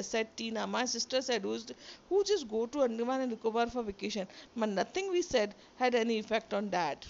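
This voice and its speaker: The recording is muffled as a teacher with an Indian accent, whose first language is Sindhi, reads a textbook story aloud and then re-explains each line, switching into Hindi. She has a fairly high, creaky voice and uses a phone or screen recorder mic.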